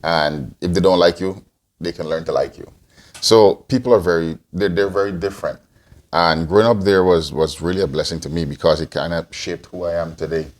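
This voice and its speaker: A man's voice: deep voice, steady tone, a little fast. A man in his forties, from Guyana and raised in Antigua, answering interview questions as a podcast co-host, rambling with many restarts. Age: 40s.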